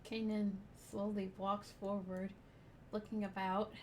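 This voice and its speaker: A woman's voice: mid-range voice, little pitch movement, slow pace, a little mellow, slight background noise, rough recording. A woman playing a tabletop role-playing game, chatting casually and thinking aloud.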